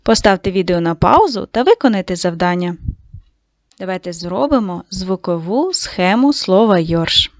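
A woman teaching a lesson to young schoolchildren, giving slow, clearly articulated instructions. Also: lowish voice, expressive, no echo. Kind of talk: online lesson for young children.

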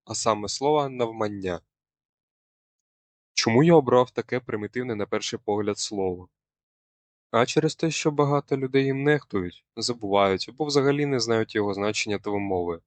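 A man's voice: mid-range voice, fairly quick, no echo. A young male student presenting a scripted language lesson, explaining a word and quizzing viewers in a teacherly way. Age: young adult.

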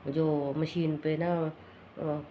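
A middle-aged woman with a hoarse throat from a cough, chatting casually and rambling through her day at home in a vlog. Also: low-pitched, flat delivery, drawn-out words, noisy background. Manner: rambling, matter-of-fact. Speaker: vlogger.

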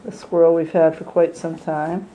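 A woman who rehabilitates squirrels, chatting gently on a casual video tour of an indoor room full of cages, recorded on a handheld camera mic. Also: sits low, level tone, normal speed, muffled recording, a little hiss or hum. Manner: gentle, chatty, coos at animals.

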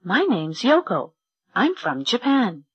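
A very husky woman reading slowly. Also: mid-range voice, big pitch swings, no echo, lo-fi sound. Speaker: textbook audio reader. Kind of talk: slow, clear textbook reading.

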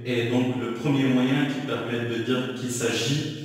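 Slow, patient teacher in an echoey room. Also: male voice, mid-range voice, fairly even intonation. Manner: slow, patient explaining with many fillers and repetitions. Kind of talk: recorded lesson for middle-school pupils. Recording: echoey room, voice far from the mic.

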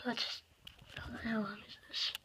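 A woman's voice: measured pace, pushed and bright, in a whisper. A young woman with stuffy sinuses, chatting and teasing a friend in a casual vlog. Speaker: vlogger. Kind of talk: casual chat.

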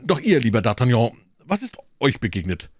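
A man's voice: mid-range voice, very animated, a little fast, no echo, studio quality. A man reading an audiobook and voicing a boastful, pleasure-loving male musketeer laid up in bed, blustering and grand.

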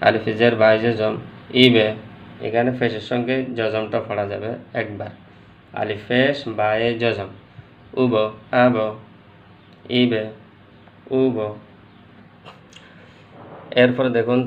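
Man patiently drilling syllables, low and flat. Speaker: Quran reading teacher. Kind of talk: slow step-by-step recitation lesson. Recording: dull lo-fi recording with faint noise.

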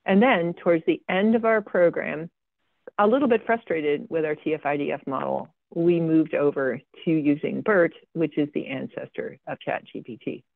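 A woman's voice: sits low, moderate pace, creaky, no echo. A woman giving a slide presentation about her research. She talks with frequent ums and dry, sarcastic asides. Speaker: guest speaker presenting research. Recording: tinny phone-like video call audio, dry.

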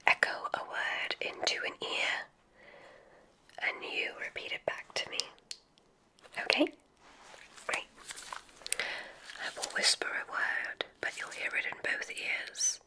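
In a breathy whisper, a woman acts out an ASMR roleplay as a witch examiner, her manner gentle, soothing, deliberate and encouraging. The recording quality is low.

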